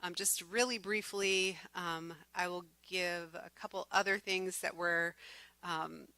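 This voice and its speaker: A woman leading a school board meeting, giving a fast legislative update full of ums. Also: fairly low pitch, fairly even intonation, bright, forceful tone, no echo, poor audio. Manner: fast-talking with many ums. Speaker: board president.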